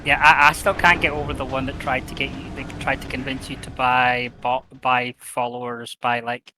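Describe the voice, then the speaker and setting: A man chatting casually as a co-commentator, halting and often repeating words as he goes. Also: medium pitch, flat delivery. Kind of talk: casual chat. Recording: clearly noisy background.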